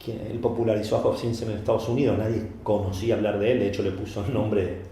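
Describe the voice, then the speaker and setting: A middle-aged man, a magician co-hosting a podcast, explaining in a lively storytelling way with many fillers and repeated words. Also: fairly low pitch, fast talker, a little hiss or hum. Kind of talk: casual explanatory chat. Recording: very echoey room.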